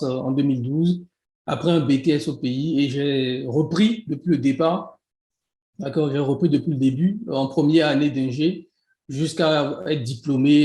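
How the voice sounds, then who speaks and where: A man from Benin talks in a casual interview in a Beninese French accent. His voice is a little high and mellow, and his speech is full of restarts and easy laughter. The room around him echoes. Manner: hesitant, many restarts, laughs easily. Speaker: guest, e-commerce coach.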